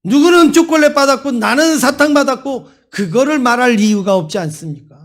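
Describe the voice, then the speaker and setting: Preaching on Sunday, a male pastor with a high voice shifts from narrating a story to urging the congregation with emphatic, climbing exhortation. He is expressive and speaks fairly quickly.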